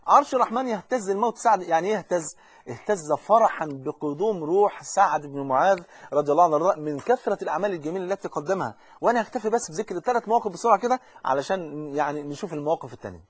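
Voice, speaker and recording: Preaching with urgency and fervor, a man with an Egyptian accent talks directly to the listener, often going back to repeat or restart phrases. His high voice is expressive, slightly rough and rapid-fire.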